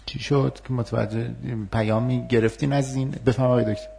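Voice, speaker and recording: A man teaching a communication workshop, talking in a lively, questioning way with many fillers. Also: medium pitch, gravelly, a little hiss or hum. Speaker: workshop trainer. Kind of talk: interactive communication lesson.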